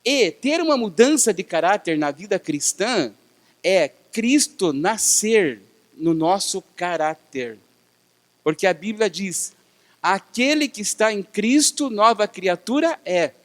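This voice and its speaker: A Brazilian man preaches from the pulpit in a fairly high voice, building emphasis and tossing rhetorical questions to his congregation. His words ring out with the long reverb of a church hall. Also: animated, takes it slowly. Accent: Brazilian Portuguese. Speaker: pastor. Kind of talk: sermon.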